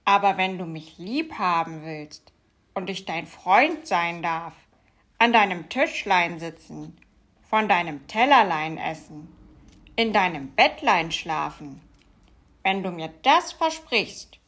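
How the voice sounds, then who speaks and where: A man voicing a male frog in a fairy tale, with a drawn-out, pleading voice. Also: high-pitched, lively intonation, sharp tone, pitched above the performer's own voice, full character voice. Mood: coaxing.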